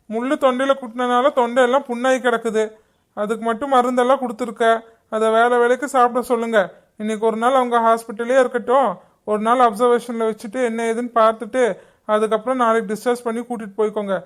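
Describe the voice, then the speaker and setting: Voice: medium pitch, flat delivery, quick pace, close to an everyday voice. A voice actor playing a matter-of-fact hospital doctor in a cartoon. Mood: stern.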